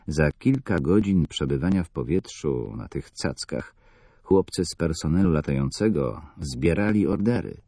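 Very deep, gravelly male narrator. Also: mellow, dry recording, studio quality. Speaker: audiobook narrator. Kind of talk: scripted first-person narration.

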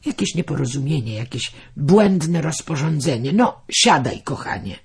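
A man's voice: a little high, lively intonation, normal speed, husky, heavily acted. A man voicing a tall, protective young man who commands strangers and comforts a girl tenderly. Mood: soothing.

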